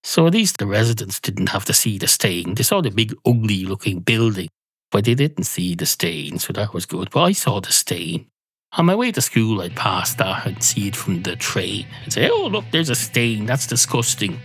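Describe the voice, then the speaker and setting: A man's voice: on the low side, sing-song, moderate pace, a bit bright, slightly rough, dry recording, soft background music. Dry, sardonic Irish man. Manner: dry, sardonic, mock-earnest asides. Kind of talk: comic monologue.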